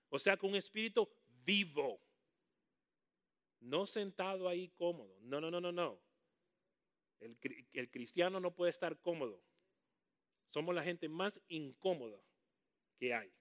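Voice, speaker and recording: Animated man preaching a sermon. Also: high voice. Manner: animated, calls on the congregation to repeat words; jokey asides to the congregation. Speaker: pastor.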